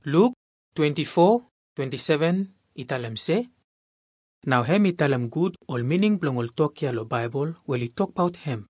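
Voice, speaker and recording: A man's voice: fairly high pitch, expressive, normal speed, husky, no echo, clean studio sound. A man with a Melanesian Pidgin accent, reading Bible verses aloud as a scripture reader.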